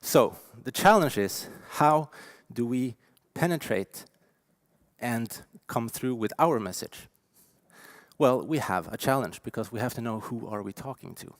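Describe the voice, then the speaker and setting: This keynote comes from a man from Norway in his forties, talking a little slowly at average pitch, with a Norwegian accent. The sound is dry and close, with little room around it, while his delivery is lively and emphatic, stressing key words and full of fillers.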